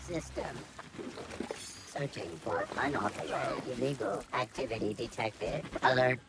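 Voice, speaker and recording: Menacing robot security turret, filtered machine voice, flat warnings, rough gravelly edge, loud game sounds. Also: male voice, medium pitch, measured pace. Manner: flat announcing tone, issuing warnings. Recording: game audio over loud gameplay noise.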